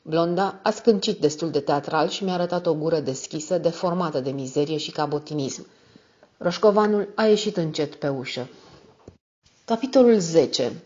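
A woman narrating an audiobook in a steady, even reading style. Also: low-pitched. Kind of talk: scripted narration. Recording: dull lo-fi audio.

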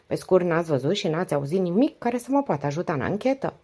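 Patient male police commissioner, short pointed questions, low husky voice, read by a woman. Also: big pitch swings, warm tone. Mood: probing.

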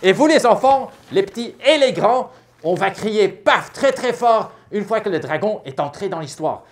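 On a live storytime stage, a woman plays a brave, excitable little girl knight-errant for a theatrical children's story. Her voice is medium-pitched at normal speed and lightly acted, with a cheerful, animated, exclamatory delivery.

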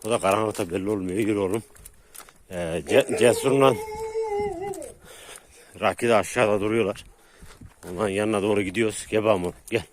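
A man vlogging to his viewers while walking dogs outdoors at night on a dark street, hesitating with drawn-out fillers and calming the dogs with repeated calls. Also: on the low side, a crowd in the background. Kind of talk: casual vlog talk to viewers.

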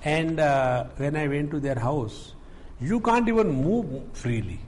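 Slow-talking older Indian-accented swami. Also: male voice, a little high, lively intonation, a little mellow, a little hiss or hum. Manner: deliberate, explains term by term with anecdotes. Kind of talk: spiritual discourse explaining scripture.

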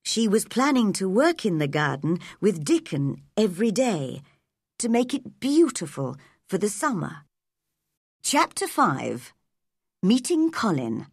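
A woman narrating a storybook for English learners in a slow, clear, expressive reading. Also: medium pitch, dry recording, clean studio sound.

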